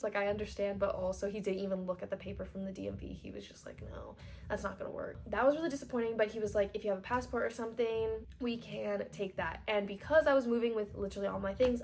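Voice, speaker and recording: A woman in her twenties telling a storytime vlog, chatty and animated, full of fillers, acting out what people said. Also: medium pitch, vocal fry. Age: 20s. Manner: chatty and animated, lots of "like", voices quoted people. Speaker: vlogger. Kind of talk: storytime vlog, casual retelling.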